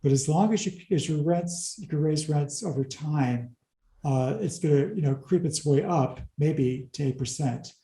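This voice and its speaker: A man explaining real estate figures in an interview, talking fast through the numbers with wry asides. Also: on the high side, warm tone, reverberant, poor audio. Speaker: commercial real estate advisor.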